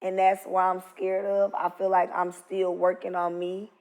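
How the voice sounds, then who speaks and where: A woman's voice: fairly low pitch, monotone, normal speed, a little mellow. Candid woman in her thirties. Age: 30s. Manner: candid, blunt, reflective. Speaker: podcast guest. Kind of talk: casual chat.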